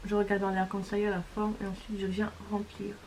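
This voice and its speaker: A woman talks through her eye makeup in a relaxed, chatty way, naming each step as she goes. Her voice is mid-pitched. The recording has clearly audible background noise. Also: quick pace, low-quality recording. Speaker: beauty vlogger. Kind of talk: makeup tutorial voice-over.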